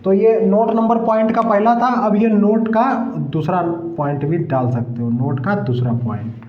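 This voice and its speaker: Male tutor, high voice, slow and patient, repeats terms and checks understanding, echoey dull room. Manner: spells out syllables one by one. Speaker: teacher. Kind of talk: exam-prep classroom lesson.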